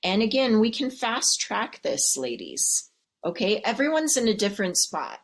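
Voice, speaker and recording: A woman's voice: medium pitch, very animated, normal speed. A woman coaching a live audience of women, chatty and sassy, calling them ladies and darling and acting out quoted voices. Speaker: love and mindset coach.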